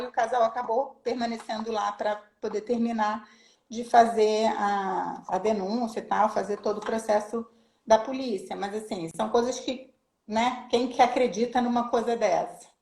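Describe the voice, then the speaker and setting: A woman from Rio de Janeiro with a Brazilian accent, a human rights official chatting casually as a guest and vividly acting out stories. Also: on the high side. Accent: Brazilian Portuguese, Rio de Janeiro. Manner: animated storyteller, acts out quoted voices. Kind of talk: casual chat, storytelling. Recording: roomy echo.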